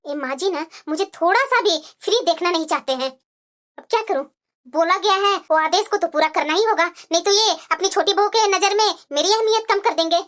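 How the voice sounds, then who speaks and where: A selfish elder daughter-in-law from a family cartoon, sarcastic and resentful, played by a woman. The voice is very high and bright, with a sharp, cutting edge. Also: brisk. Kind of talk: cartoon voice acting.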